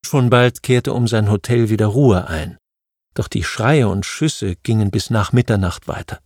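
A man narrating a history audiobook in a measured, even reading. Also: on the low side, no room sound, clean studio sound. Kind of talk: scripted narration of history nonfiction.

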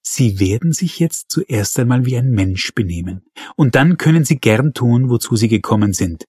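A man's voice: mid-range voice, animated, normal speed, mellow, breathy edge, no room sound, studio quality. A man reading a furious defiant mother.

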